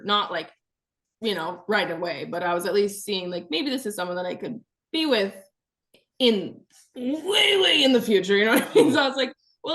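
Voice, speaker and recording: Animated young woman telling a story. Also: mid-range voice. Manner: animated, laughs often, acts out quotes. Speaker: podcast guest. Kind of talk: casual storytelling chat.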